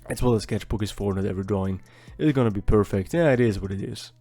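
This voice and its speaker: This young man, an artist vlogger from Austria with German as his first language, narrates his drawing in a rambling, chatty voice-over, often joking at his own expense. He speaks fast in a low, soft, mellow voice, with faint music underneath.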